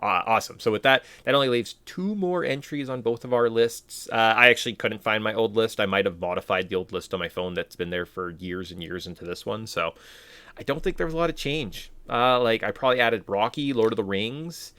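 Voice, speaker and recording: Casting note: male podcast co-host, lowish voice, dry close sound, eager rambling delivery. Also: animated, a little fast, fairly bright tone, smooth, dry recording. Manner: enthusiastic, rambling with fillers. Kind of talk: casual chat.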